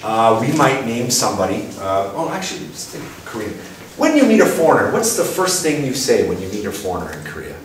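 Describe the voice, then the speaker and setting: Guy giving a talk, pitch jumps all over, super echoey room, sounds far from the mic. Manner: playful, acts out little scenes in put-on voices. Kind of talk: lively lecture with acted mini-dialogues. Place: lecture room. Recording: very echoey room, speaker away from mic, faint noise.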